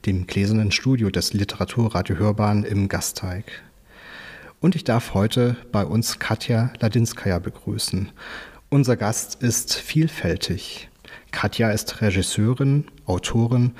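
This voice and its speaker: A man hosting a literary radio interview in a glass studio, formal and measured, with frequent fillers. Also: lowish voice, warm tone, breathy edge. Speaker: host.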